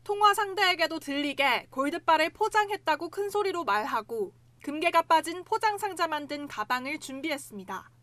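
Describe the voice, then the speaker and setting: Female reporter, high register, scripted news narration, no room echo. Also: lively intonation, moderate pace, few pauses, a bit bright.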